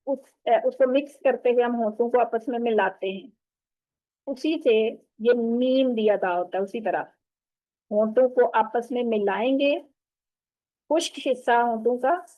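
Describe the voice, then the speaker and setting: A woman teaching an online tajweed lesson, patiently explaining and modelling each sound with slow, drawn-out recitation over a video call. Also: fairly high pitch. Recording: tinny phone-like online call audio.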